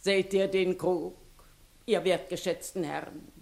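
An actress voices a long-winded, indignant village plaintiff in a classical German comedy radio play, declaiming emphatically and plaintively in an aggrieved mood. Her voice is lowish, steady and measured in pace, creaky and a little mellow.

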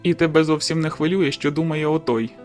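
Teasing, persistent teen boy in a storybook read, played by a woman in a lowered voice. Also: fairly even intonation, fairly quick, darkish tone, soft background music, lightly acted. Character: teasing, persistent teenage boy, warm and cheerful.

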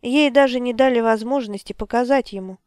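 A woman narrates an audiobook in an even storytelling read. Her voice is smooth and clear and sits a little high. The recording is dry and close-miked. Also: brisk, no echo. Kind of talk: scripted narration.

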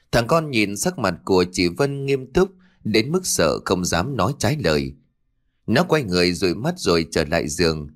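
Low, lively male horror-story narrator.

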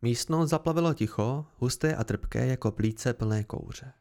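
A man narrating a novel as an amateur audiobook reading, in a low, measured way. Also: a little mellow.

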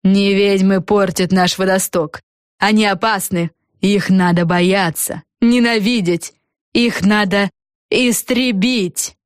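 A scheming witch ringleader addresses the crowd in slow, commanding, measured speeches, relishing her power, as a woman reads her. The pitch is mid-range, and the recording is close and dry. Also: no room sound, natural voice. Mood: rousing. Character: scheming witch girl leader, gloating ringleader.

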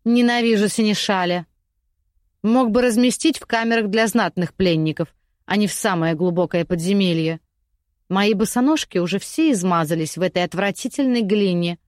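A woman's voice: moderate pace, a little mellow, no echo, studio quality, lightly acted. A woman voicing a scornful, desperate imprisoned aristocratic lady who mocks and shrieks at her captors in an audiobook. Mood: haughty, mocking. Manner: mocking, shrill and demanding. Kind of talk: audiobook character voice.

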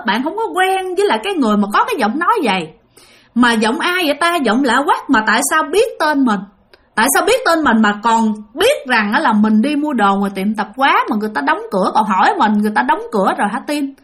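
A woman's voice: sits high, a bit bright. A woman telling a ghost story, speaking dramatically and addressing listeners directly. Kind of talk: spoken ghost story narration.

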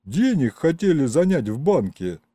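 A man's voice: fairly high pitch, sing-song, moderate pace, warm tone, husky, dry recording. A man voicing a shy young peasant clerk who talks hesitantly and deferentially. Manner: hesitant, deferential old-fashioned speech.

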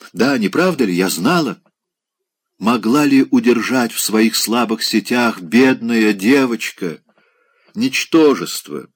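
A man's voice: mid-range voice, husky, pitched above the performer's own voice. A man voicing a coy, scheming middle-aged provincial lady who pries with wheedling, insinuating questions.

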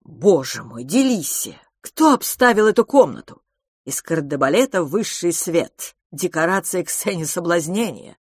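A woman voicing a brash young man who loudly and mockingly demands a drink, in a lively audiobook reading. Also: moderate pace, breathy edge, no room sound, studio quality. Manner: booming, bossy and mocking.

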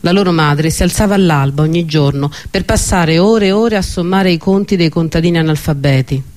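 A man narrating an audiobook with a steady, expressive delivery. His voice sits on the high side for a man. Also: fairly quick.

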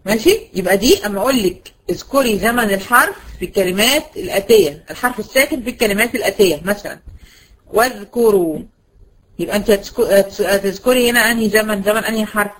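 A woman with an Egyptian accent teaching a tajweed lesson, quizzing her students and answering her own questions, and slowing down to draw out example words. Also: mid-range voice, lively intonation, slight background noise, poor audio. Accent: Egyptian Arabic. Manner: brisk, asks students questions and answers them herself; slows to stretch out example words. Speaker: Quran recitation teacher.

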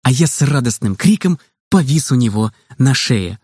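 A man narrating a children's story in the first person, in a lively manner. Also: mid-range voice, normal speed, breathy edge, no echo, clean studio sound.

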